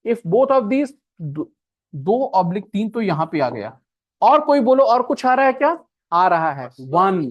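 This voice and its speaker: A male coaching teacher giving a classroom lecture, mixing Hindi and English and checking with his students again and again. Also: sits high. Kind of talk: classroom lecture on a reasoning puzzle.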